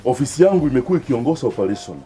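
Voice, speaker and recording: A man playing a loud fussy comic man with a Meru accent. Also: medium pitch, very animated, very fast, crowd noise, close to an everyday voice. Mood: fussing. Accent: Meru-accented Swahili. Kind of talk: TV comedy acting. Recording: TV clip with music behind. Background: music.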